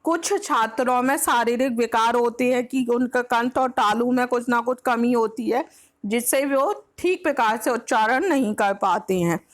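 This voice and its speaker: Woman tutor, fairly high voice, exam-prep lecture that reads each point then restates it plainly, English words dropped in. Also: normal speed. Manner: mixes English words into the explanation. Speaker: teacher.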